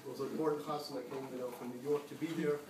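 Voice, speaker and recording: A man's voice: medium pitch, flat delivery, racing. A man giving a joking Purim-season speech as a guest at a study group, rambling and repeating his words, recorded far off in a noisy indoor hall. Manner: rambling, self-deprecating, repeats words often. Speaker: guest speaker at a kollel. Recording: echoey room from far off, loud noise.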